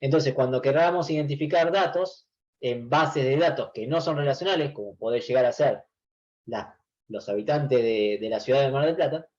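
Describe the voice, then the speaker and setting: A man's voice: medium pitch, normal speed, a little mellow. Man teaching over a lo-fi call. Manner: explains patiently, many restarts and filler "eh". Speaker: university database teacher. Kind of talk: online class lecture. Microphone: video call.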